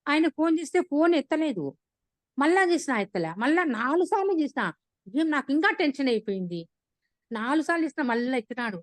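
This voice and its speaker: A woman, casually retelling a personal story on a video call, animated and full of restarts. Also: high voice, fast talker, dry recording. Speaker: class participant sharing an experience.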